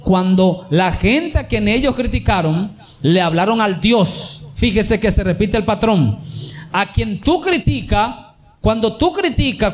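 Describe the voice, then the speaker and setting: A pastor with a fairly high voice for a man delivers a sermon. He preaches emphatically, repeating phrases and asking rhetorical questions. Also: a little hiss or hum.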